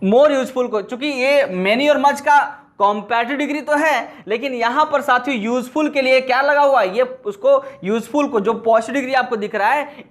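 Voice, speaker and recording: Teacher, male, high-pitched, repetitive question-and-answer lesson delivery. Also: a bit bright. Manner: asks questions and answers them himself, repeating key points. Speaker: English grammar teacher. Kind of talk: classroom lesson explaining grammar.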